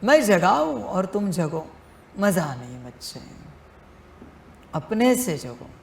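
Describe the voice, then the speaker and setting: A male spiritual teacher giving a devotional discourse, speaking deliberately and repeating phrases for emphasis, addressing listeners fatherly as his children. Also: high voice, big pitch swings, gravelly, reverberant, slight background noise.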